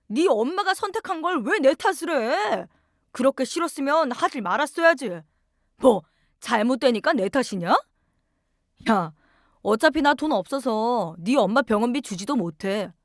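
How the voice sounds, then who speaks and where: A woman's voice: fairly high pitch, dry recording, clean studio sound. A woman voicing a callous, cold-hearted husband who talks bluntly and dismissively.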